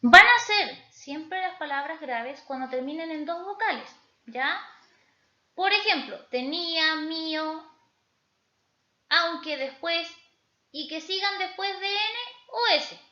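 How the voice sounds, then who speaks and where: Bright high-voiced woman teaching a class. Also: expressive, unhurried. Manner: explanatory, checking in with a repeated "¿ya?". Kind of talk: recorded spelling lesson. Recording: echoey room, slightly dull sound.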